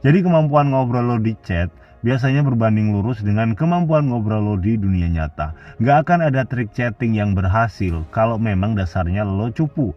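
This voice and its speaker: A man's voice: on the low side, expressive, moderate pace, far from the mic, dull audio, soft background music. A man giving blunt, casual dating advice as a scripted voice-over. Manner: blunt slangy Jakarta-style casual talk.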